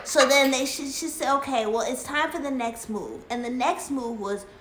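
High-voiced woman telling a story. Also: moderate pace. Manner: animated, acts out lines and dog barks. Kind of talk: casual spoken storytelling. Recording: echoey room with faint noise.

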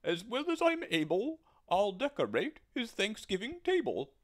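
A man voicing a boastful farmyard turkey in a storybook, gobbling in a squawky, very high, loud voice. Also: wildly swooping pitch, a little slow, heavily acted. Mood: silly.

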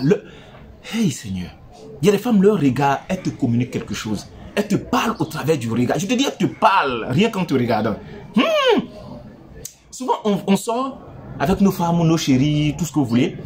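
A man delivers relationship advice as a teasing, playful monologue aimed straight at his listeners. His voice sits a little high and leaps around with very lively intonation. He moves from loud outbursts to low, quiet asides.

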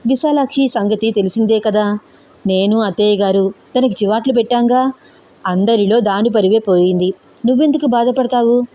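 Kind middle-aged mother-in-law, patient advice, mellow voice, read by a woman narrator, audio storybook. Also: mid-range voice, close to an everyday voice. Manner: gentle, explaining.

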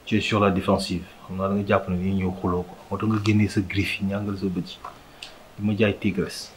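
An actor with a Senegalese accent playing a calm man who proposes marriage in a TV drama, speaking in a measured, earnest way. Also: low-pitched, a little hiss or hum, close to an everyday voice, rough recording. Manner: measured, earnest, mixing French and Wolof. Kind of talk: TV drama acting. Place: restaurant dining room.

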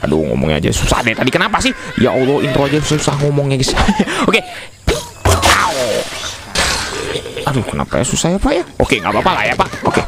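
A young man casually commentating a video game, excitable, exclaiming and laughing often while talking to his viewers. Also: medium pitch, background noise. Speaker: gaming YouTuber. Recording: loud game music behind voice.

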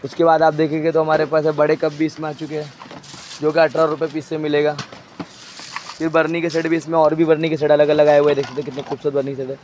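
A man showing stock in a crowded wholesale storeroom, briskly listing items and prices and telling a helper what to hold up. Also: on the high side, flat delivery, darkish tone, slight background noise. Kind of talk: walk-through product showcase.

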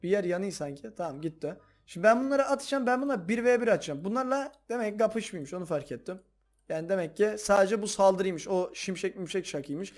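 A man hosting a game video, chatting casually and excitably to his viewers as he plays. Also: high voice, fast. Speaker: gaming video host. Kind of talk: casual gameplay commentary.

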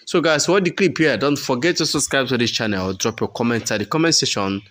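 A man's voice: mid-range voice, brisk, a bit bright. A man hosting a channel, giving a casual voice-over about a concert in a chatty, repetitive way with many fillers. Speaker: channel host.

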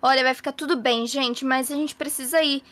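Woman voicing a calm mother, Brazilian accent, high, reassuring, game role-play. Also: a little fast. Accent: Brazilian Portuguese. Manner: soothing, reassuring.

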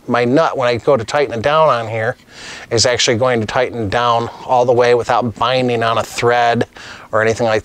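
There's no echo on this medium-pitched male voice. It belongs to a middle-aged master plumber who runs a channel, demonstrating a hands-on tutorial with tools at a desk in an indoor studio, speaking casually and practically into a lapel mic.

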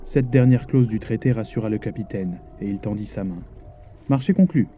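A man telling a dark sea legend in steady, dramatic scripted narration. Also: fairly low pitch, a little fast, soft background music. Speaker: storyteller.

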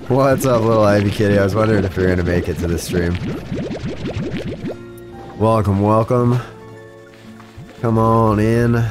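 A young streamer, stuffed up with a cold, chats casually with his live chat while playing a game, rambling and interrupting himself with frequent restarts. His voice is fairly low, at a moderate pace with long pauses, heard over music. He uses a studio mic with a compressor.

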